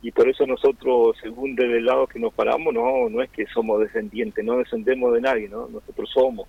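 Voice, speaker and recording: Speaking Argentine Spanish with a gravelly, medium-pitched voice, this man from Chubut, Argentina, a Mapuche-Tehuelche community member, explains things reflectively in a radio interview. He comes across earnest and animated, a little fast, though hesitant with lots of fillers and restarts. The recording is dry, lo-fi, and echo-free.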